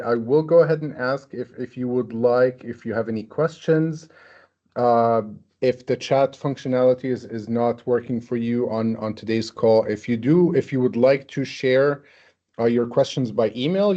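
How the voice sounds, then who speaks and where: A man hosting and moderating a webinar over a video call, speaking in a hesitant, halting way. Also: mid-range voice, warm tone. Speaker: webinar host. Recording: dull video call audio.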